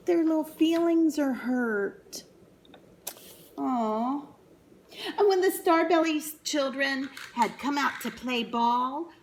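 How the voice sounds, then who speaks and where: A high-pitched woman, a teacher, reads a picture book aloud to children with lots of expression, adding chatty asides for her young listeners. There's slight background noise.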